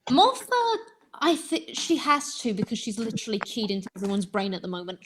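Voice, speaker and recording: A woman's voice: mid-range voice, wildly swooping pitch, brisk, background noise. A woman chatting casually as a player in a tabletop roleplaying game.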